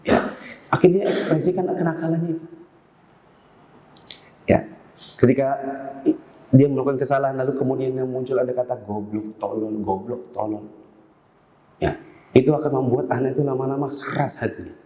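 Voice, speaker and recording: A male Islamic preacher giving a sermon, telling stories lively and acting out the quotes. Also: mid-range voice, moderate pace, pauses often. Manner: lively storytelling with acted quotes. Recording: roomy, dull-sounding lecture recording.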